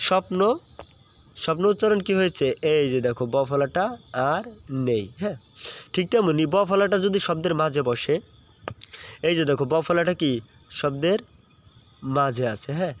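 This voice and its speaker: A man's voice: fairly high pitch, animated, normal speed, pauses often. A young man teaching a pronunciation lesson, explaining step by step, repeating points and asking his students questions.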